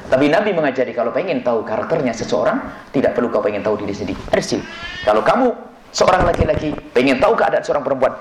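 A man preaching a sermon on marriage, quick and animated, acting out little dialogues between spouses. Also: mid-range voice. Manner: lively, quick preaching with acted-out quoted dialogues. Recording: echoey hall with faint noise.

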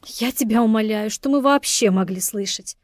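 A woman voicing a playful, lively young woman who frets easily. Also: fairly high pitch, no room sound, studio quality, close to an everyday voice. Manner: lively, playful, quick to worry.

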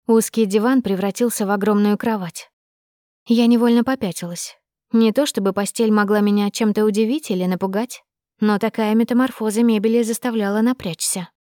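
A woman reading a first-person audiobook with expressive, measured storytelling. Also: medium pitch, no room sound, clean studio sound. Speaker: narrator.

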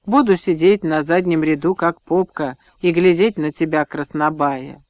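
A man's voice: on the high side, moderate pace, no room sound, lightly acted. A man voicing a young pregnant village wife who scolds her husband sarcastically, in a dull, dry audiobook recording. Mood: bitter, scolding.

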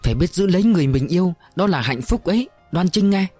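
A spirited young militia woman speaks up eagerly in a storybook, as a male narrator lifts his voice for her. Her lines sit noticeably higher and a little louder than his usual reading. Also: animated, fast, no room sound, faint music behind, natural voice. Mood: affectionate.

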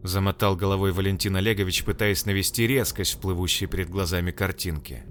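A man's voice: low voice, quick pace, faint music behind. Man narrating a dramatic audiobook. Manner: expressive reading with acted dialogue.

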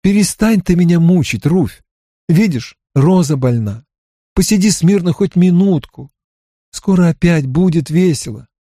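A man's voice: fairly high pitch, sing-song, moderate pace, dark tone, breathy edge, dry recording, studio quality. A man reading an audiobook, voicing a tired farm mother who soothes yet stays firm. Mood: soothing, firm.

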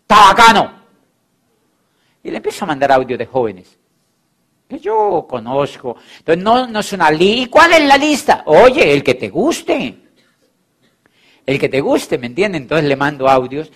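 A man's voice: on the high side, moderate pace. A man giving a motivational talk on network marketing, telling stories with playful teasing and acting out both sides of the conversations. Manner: animated storytelling, acting out both sides of dialogues.

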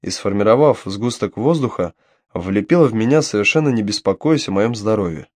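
A man's voice: on the low side, expressive, brisk, darkish tone, no echo. A man narrating a fantasy audiobook in the first person, with a wry, sardonic telling.

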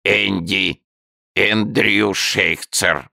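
Man doing a talking salamander, creaky, gravelly, slow drawl, polite, storybook creature. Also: low voice, steady tone, bright, forceful tone, dry recording, clean studio sound, voice pushed up, exaggerated voice. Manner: slow, drawn-out, syllable-by-syllable speech.

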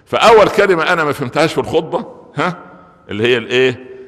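A man's voice: on the high side, animated, racing, fairly bright tone. A man with an Egyptian accent preaching a Friday sermon, joking and firing off rhetorical questions. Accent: Egyptian Arabic. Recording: long reverb of a large hall.

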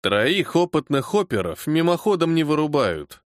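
A man's voice: fairly high pitch, sing-song, moderate pace, no echo, studio quality. A man voicing a hot-tempered major in his forties who speaks in clipped, caustic tones while holding back anger. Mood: restrained anger. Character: angry disciplined male major, forty-two, hot-tempered.

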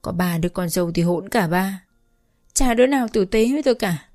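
A woman voicing a scolding old mother-in-law who wails and shrieks complaints loudly. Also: medium pitch, moderate pace, soft background music, natural voice. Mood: wailing. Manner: loud, wailing, shrieking complaints.

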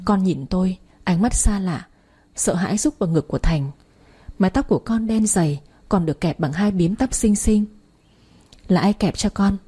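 A woman's voice: mid-range voice, normal speed, dark tone, slightly rough. A woman narrating a first-person audiobook in a grieving, emotional way.

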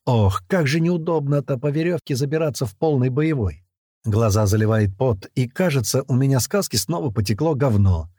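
A man reads a first-person action story aloud, his husky voice ranging widely in pitch. He jumps up loud and high for the characters' shouts and drops back low for the narration. The recording is close and dry, with no room sound. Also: animated, a little fast, no room sound. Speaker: audiobook narrator. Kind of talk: first-person audiobook narration with acted dialogue.

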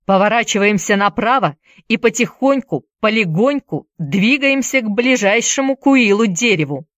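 A woman's voice: mid-range voice, expressive, a little slow, dry recording, clean studio sound. A woman doing a curt, commanding boy leader.

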